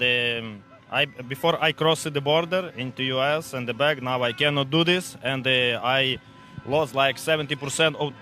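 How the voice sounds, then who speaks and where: A man with a Ukrainian accent, a truck driver answering a street interview outdoors in halting English with many restarts. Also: a little high, sharp tone. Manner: halting non-native English with many repeats.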